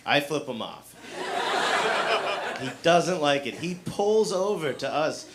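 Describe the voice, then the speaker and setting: A man's voice: fairly high pitch, animated, takes it slowly. A man from the South Shore of Massachusetts doing a stand-up comedy set on a club stage, self-deprecating and full of fillers. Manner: self-deprecating, filler-heavy delivery with acted quotes. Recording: noisy live club recording.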